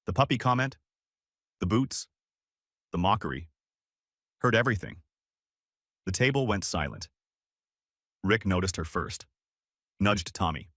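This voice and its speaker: Brief: young male narrator, low voice, measured delivery, dry close recording. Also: expressive, a bit bright, no echo. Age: young adult. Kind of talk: scripted first-person story narration.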